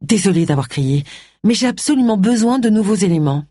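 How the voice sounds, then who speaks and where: A woman voicing a sharp-tempered, impatient middle-aged woman, with brisk, clipped questions. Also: mid-range voice, animated, dry recording, clean studio sound, voice pushed up, natural voice.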